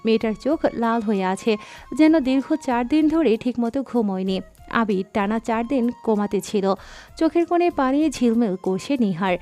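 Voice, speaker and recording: A woman narrating a dramatic story in an expressive, scripted reading. Her voice sits a little high, with faint music playing underneath. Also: moderate pace. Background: faint background music.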